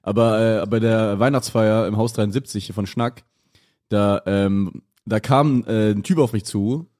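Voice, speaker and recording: A man's voice: fairly low pitch, fairly even intonation, a little slow, darkish tone. A young man, a comedian co-hosting a podcast, telling anecdotes with quoted dialogue in casual chat.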